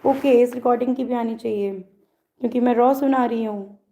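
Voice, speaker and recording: A woman vlogger addresses her viewers casually from a room at home. Her voice is a little high and mellow. She talks directly to the audience in a chatty way. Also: fairly even intonation, brisk. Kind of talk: casual vlog talk to viewers.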